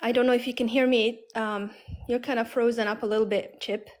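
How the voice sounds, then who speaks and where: A woman's voice: a little high, fairly even intonation, a little fast. A woman from Morocco, a guest on a live video stream, explaining patiently with many fillers over a video call. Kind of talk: casual live-stream conversation.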